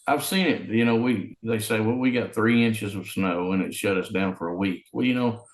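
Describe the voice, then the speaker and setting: A man calls in over a conference line that keeps breaking up. His voice sits a little low, and the room around him rings with a roomy echo. He talks haltingly, leaning on fillers and restarting his sentences. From Arkansas. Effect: remote conference call audio that breaks up. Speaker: city public works official. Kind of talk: interview over a video call. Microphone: video call.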